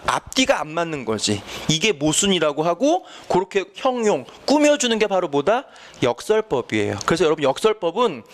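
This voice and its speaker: A man teaching Korean literature in an online exam-prep lecture, who asks questions and answers them himself. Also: fairly high pitch. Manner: acts out quoted lines with exaggerated voices.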